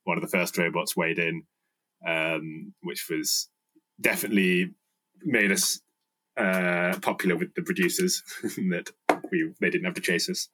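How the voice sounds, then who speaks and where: A man's voice: low-pitched, level tone, a little slow, pushed and bright. A man on a robot-fighting team, explaining technical points matter-of-factly in casual podcast chat. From United Kingdom.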